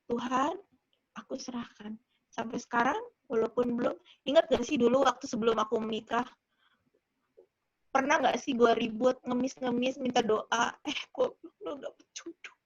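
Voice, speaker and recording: A woman casually sharing her faith story, acting out prayers in a hushed voice and laughing often. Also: high-pitched, no room sound, lo-fi sound. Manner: laughs often, mixes slang. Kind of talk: casual discussion.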